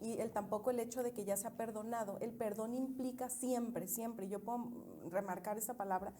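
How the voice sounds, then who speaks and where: A woman speaking as a guest expert on a talk show, explaining her points in a measured, emphatic way. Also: fairly high pitch, fairly even intonation, dark tone, slight background noise.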